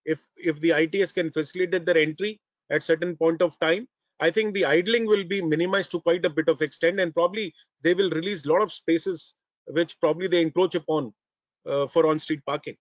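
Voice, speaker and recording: An older man with an Indian accent, answering panel questions on a video call in a hesitant, measured way as a professor. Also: fairly high pitch, fairly even intonation, dry recording. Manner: hesitant, measured, repeats words. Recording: dull, dry video-call audio.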